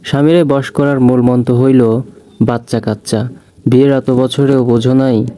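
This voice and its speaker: Nosy old village lady, a guy doing her voice, folksy rustic talk, dark low tone. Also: fairly even intonation, normal speed, natural voice. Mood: prying. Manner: rustic village-style colloquial speech. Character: gossiping elderly village neighbor woman.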